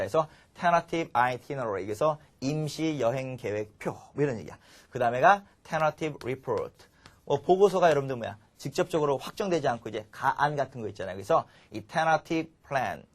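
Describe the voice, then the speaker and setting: A man teaching an English vocabulary lecture, drilling listeners with call-and-response repetition. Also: mid-range voice.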